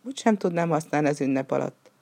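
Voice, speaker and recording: A woman voicing a wise, kindly old rabbi who speaks calmly and gently in a storybook reading. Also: low-pitched, gravelly, full character voice. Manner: calm, gentle, measured.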